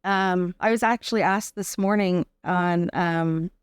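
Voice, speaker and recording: A Canadian-accented woman, a guest in an interview, speaks in an informal, reflective, thoughtful manner, explaining through examples and rhetorical questions. Her voice is lowish and clean, at a measured pace. The studio-quality recording has no room sound.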